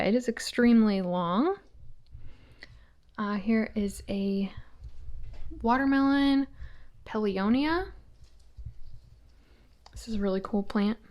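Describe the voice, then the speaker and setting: Slow-talking woman touring her houseplants. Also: a little high, darkish tone. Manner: chatty, names plants as she walks, drops to a whisper at times. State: out of breath. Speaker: plant vlogger. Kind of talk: casual house tour narration. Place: small old house indoors.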